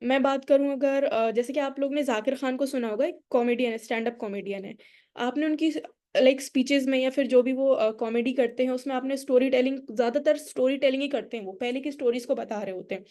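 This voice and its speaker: A woman's voice: sits high, a little fast, mellow. A woman from India with a neutral Indian accent, teaching a public speaking workshop in an explanatory way, mixing English into her Hindi and asking the audience questions. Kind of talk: workshop lecture.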